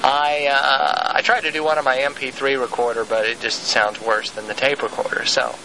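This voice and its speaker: A man's voice: medium pitch, fairly even intonation, normal speed, background noise. A man hosting his own show, rambling with frequent restarts, recorded on a handheld tape recorder inside a van. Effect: lo-fi cassette tape recorder recording. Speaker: podcast host. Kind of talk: casual solo show monologue.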